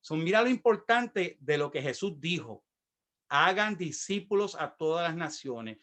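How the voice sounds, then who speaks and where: Speaking with a high, bright, forward voice, this middle-aged Puerto Rican pastor shares his testimony in a sermon, in a Puerto Rican Spanish accent. He's expressive and energetic yet unhurried, voicing each person who appears in the story.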